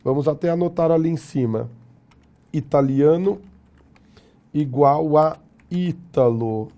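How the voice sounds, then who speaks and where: Slow, dark-voiced Brazilian man teaching. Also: fairly high pitch. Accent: Brazilian Portuguese. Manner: lively, jokey, asks rhetorical questions. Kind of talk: classroom lecture.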